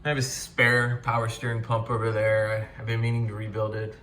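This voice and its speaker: A man's voice: on the low side, completely flat delivery, a little fast, a bit bright, a little hiss or hum. A young man casually explaining a car repair step by step as he works in his garage, with frequent fillers. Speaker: car DIY video host. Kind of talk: casual how-to narration while working.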